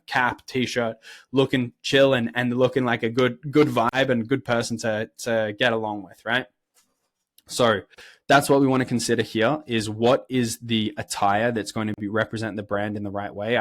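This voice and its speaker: A man's voice: mid-range voice, no room sound. A man in his twenties with an Australian accent, giving blunt, direct career advice to camera and often checking in with "right?". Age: 20s. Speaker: sales career coach. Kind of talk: instructional talk to camera.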